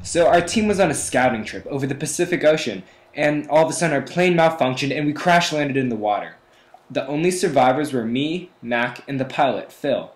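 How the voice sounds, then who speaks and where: A man's voice: mid-range voice, expressive, a little fast, natural voice. A man playing a stoic former prisoner of war who earnestly tells of his ordeal in a plain, storytelling way. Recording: very echoey room from far off.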